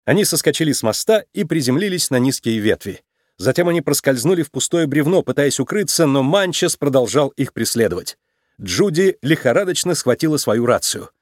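A man narrating a children's storybook aloud with an expressive, animated reading. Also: mid-range voice, a little fast, dry recording, studio quality.

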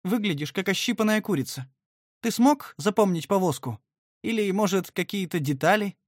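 Casting: male reader as a gentle middle-aged aunt, gasping and scolding, high and lively, dry close sound. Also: normal speed, no room sound, natural voice. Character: kind fussing aunt, middle-aged woman, soft-spoken.

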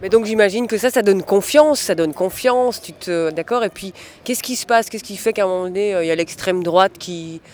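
High-voiced man asking probing questions. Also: brisk, hardly any pauses, a little hiss or hum. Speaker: interviewer. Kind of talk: conversational interview questions.

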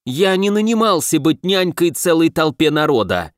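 Guy doing a snooty grumbly talking sword in an audiobook, kinda high and swoopy. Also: big pitch swings, normal speed, no room sound, studio quality. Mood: indignant. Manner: theatrical, haughty, grumbling. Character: sarcastic pompous male sword spirit, fallen god. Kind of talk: audiobook character voice.

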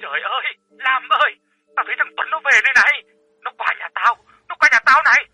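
Panicked, stammering older neighbor woman, high and husky. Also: big pitch swings, pushed and bright, dry recording, soft background music, exaggerated voice, low-quality recording. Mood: terrified. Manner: shrieking, stammering, fast.

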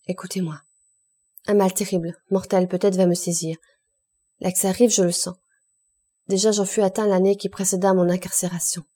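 A woman gives voice to an old priest seized by illness, his words pressing and quiet in this storybook reading. He gives urgent instructions while his strength fades. The tone stays mellow and warm. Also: lowish voice, level tone, normal speed, long pauses, breathy edge. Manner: urgent, pleading, fading. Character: old male priest prisoner, stricken, urgent.

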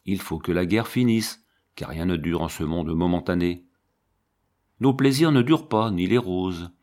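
A man voicing a gentle, humble old monk who tends a convent garden, speaking in a mild, musing way. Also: deep voice, expressive, moderate pace.

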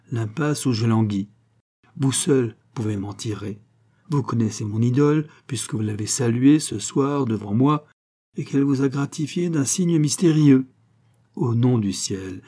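A man plays a lovesick young Parisian gallant who pleads theatrically. His speech is florid and impassioned. The voice is mellow and husky. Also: mid-range voice, lightly acted.

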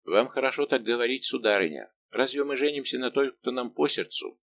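A man's voice: medium pitch, expressive, brisk, gravelly, fairly bright tone. A male reader voicing a heartbroken young nobleman who speaks in a bitter, restrained, formal way, in an audiobook.

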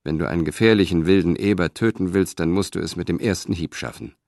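A man's voice: low voice, fast, gravelly, darkish tone, no room sound, clean studio sound. A man reading an audiobook, voicing a proud, ambitious middle-aged Roman senator who speaks with confident, declaiming force.

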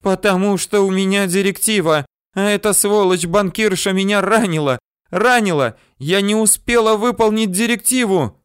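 A man's voice: moderate pace, clear, resonant tone, dry recording, clean studio sound, close to an everyday voice. A man voicing a frightened, wounded little girl who cries out desperately. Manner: shrill crying out.

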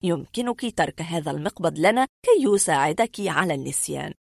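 A woman voicing a calm, skeptical male doctor who patiently explains things away, speaking low, soft and lecturing. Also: fairly quick, gravelly, no room sound, studio quality. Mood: explaining. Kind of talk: audiobook reading.

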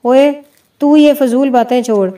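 A gruff old village man, scornful and scolding, read by a woman with a mellow, fairly high voice. The voice sits well back from the microphone. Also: close to an everyday voice. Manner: mocking, scolding. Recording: distant mic.

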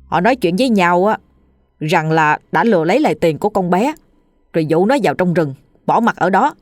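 A woman's voice: lowish voice, expressive, fairly quick, dry recording, clean studio sound, soft background music, lightly acted. A woman doing a choked-up village man testifying. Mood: pleading.

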